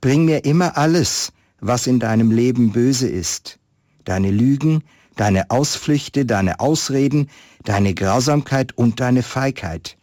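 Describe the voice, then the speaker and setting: A man voicing the holy infant in a manger, speaking gently and earnestly in a read-aloud Christmas story. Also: medium pitch, slow pace, dry recording, studio quality, voice pushed up, close to an everyday voice. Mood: tender.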